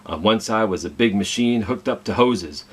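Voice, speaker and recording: A man with a fairly low, slightly breathy voice reads a picture book aloud at normal speed. As a children's storytime host, he tells the tale dramatically and asks his young listeners questions in an expressive read-aloud.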